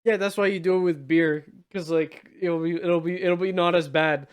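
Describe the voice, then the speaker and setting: A man's voice: sits high, fairly even intonation, moderate pace, clean tone. A tipsy man hosting a podcast, chatting casually and emphatically about movies with some swearing. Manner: tipsy, from drinking on the show. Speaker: podcast host. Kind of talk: casual movie review banter.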